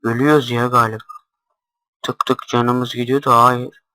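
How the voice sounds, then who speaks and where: A man giving casual gameplay commentary, deliberately talking quietly and swearing offhandedly as he plays. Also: mid-range voice, level tone, clean tone, dry recording, low-quality recording. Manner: talks quietly on purpose, swears casually while playing.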